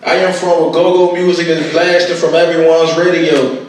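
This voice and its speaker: A man with a fairly high voice speaks in a level tone at normal speed, his Washington DC accent coming through as he tells stories plainly and colloquially. He is a guest poet and speaker at a conference, reciting a poem and giving personal testimony to an audience. The recording is distant, made in a very echoey venue with faint noise.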